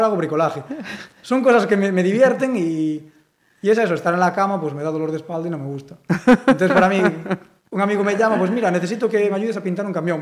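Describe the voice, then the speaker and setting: A young man with a Galician accent speaks in a fairly high voice, rambling through a relaxed interview with plenty of filler words. The room is echoey. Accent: Galician Spanish. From Galicia, Spain. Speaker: interviewee, sculptor. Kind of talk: casual interview.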